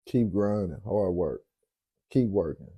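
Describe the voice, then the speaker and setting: A tired man with a very dark, mellow voice talks in a laid-back, rambling way, trailing off with ums while he hunts for words. He chats casually, like a late-night host winding down. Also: sits low, lively intonation, a little slow, slightly rough. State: tired, yawning. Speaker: podcast host.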